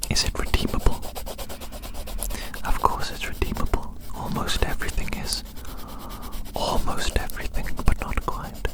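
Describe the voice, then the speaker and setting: Someone whispering an ASMR ramble in a breathy, unvoiced voice, playfully wandering and repeating phrases. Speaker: ASMR creator.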